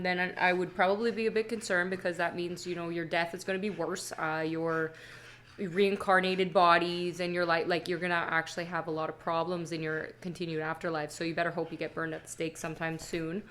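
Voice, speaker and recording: Low-voiced woman rambling and swearing freely. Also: a bit bright. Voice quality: profane, scattered and stream-of-consciousness. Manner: restless, frequent restarts and trailing off. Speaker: vlogger. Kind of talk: rambling candid monologue.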